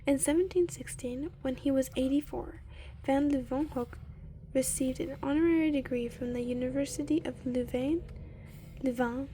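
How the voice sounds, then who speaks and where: A woman doing a soft-spoken ASMR reading from a book in a gentle, breathy voice that often sinks into a whisper, unhurried, with murmured asides. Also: high voice, fairly even intonation, slight background noise, low-quality recording.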